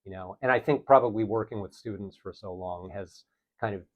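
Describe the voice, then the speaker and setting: A man's voice: lowish voice, fairly quick, dull audio. A middle-aged man from New City, a teacher talking earnestly and thoughtfully as an interview guest. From New York City. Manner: thoughtful, earnest, self-correcting. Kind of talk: relaxed reflective conversation.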